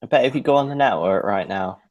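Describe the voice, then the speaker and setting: Teasing man, lowish voice. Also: lively intonation, fast, muffled recording. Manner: laughs often, teasing. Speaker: co-host of a live reaction stream. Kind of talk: casual chat.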